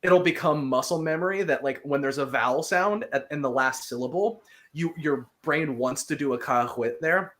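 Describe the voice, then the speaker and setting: A language teacher in a casual lesson, chatty and patient. Explains grammar in loose everyday talk with many fillers. Slows right down to model a phrase for the learner. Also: mid-range voice, a bit bright. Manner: patient, repeats phrases slowly for practice.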